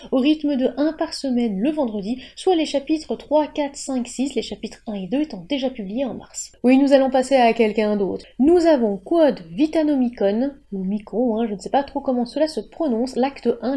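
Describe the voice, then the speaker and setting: A woman's voice: fairly high pitch, warm tone. A woman hosting a monthly book news show, reading in a scripted news style with playful whispered asides.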